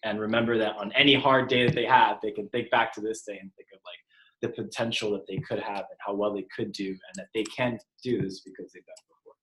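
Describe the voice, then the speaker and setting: A man's voice: fairly low pitch, steady tone, fast talker, pushed and bright, roomy sound, low-quality recording. A man in a sales training, earnestly sharing his goals with many hesitations. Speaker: sales team member in a training. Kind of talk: casual group discussion.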